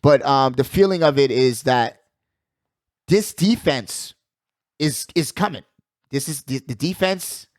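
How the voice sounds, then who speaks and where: In a studio-quality recording with no room sound, a man with a mid-range voice hosts a sports show, offering casual, opinionated commentary. His intonation is lively, his pace slow, and he pauses often. He speaks emphatically to listeners in a slangy, conversational way, repeating himself to drive points home.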